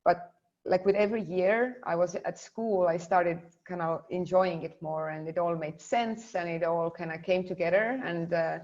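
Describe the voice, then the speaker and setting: A woman's voice: on the low side, darkish tone. A woman in her twenties with an Estonian accent, presenting informally and hesitantly over a video call. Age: 20s. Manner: hesitant, halting phrasing. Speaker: guest speaker. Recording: muffled, lo-fi video call audio.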